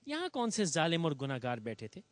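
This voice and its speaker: A man's voice: a little high, wildly swooping pitch, dry recording. A man hosting a TV show, speaking earnestly and with grief in an on-location monologue, standing outdoors near a bomb site and mixing English phrases into his speech. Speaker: TV show host.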